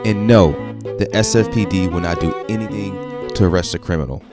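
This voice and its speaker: A deep-voiced man narrates with indignant scorn, over a clear guitar music bed. His low tone stays steady as he rails. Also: a little fast. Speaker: commentator narrating a video. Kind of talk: opinionated video narration.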